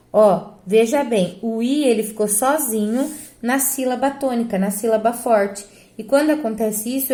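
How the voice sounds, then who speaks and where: Brazilian woman teacher, higher voice, step-by-step grammar explainer, echoey room. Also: darkish tone. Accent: Brazilian Portuguese. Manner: explains step by step, asks herself rhetorical questions. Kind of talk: grammar lesson correcting exercises.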